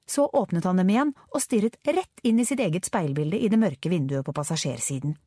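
A woman narrates a children's adventure with an expressive, storytelling delivery. Her pitch rises and falls widely around a slightly low center. The recording is dry and close. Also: husky, dry recording. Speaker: audiobook narrator. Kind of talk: scripted narration.

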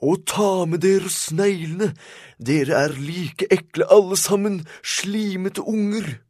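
A man voicing a snobbish old man in a hat who shouts in outrage, in an audiobook. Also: mid-range voice, no echo, clean studio sound, natural voice. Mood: furious. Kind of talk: audiobook character voice.

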